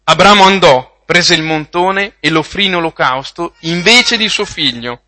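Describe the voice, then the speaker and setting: Male preacher, slow and emphatic, high bright voice, keeps repeating lines. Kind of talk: sermon with Bible readings.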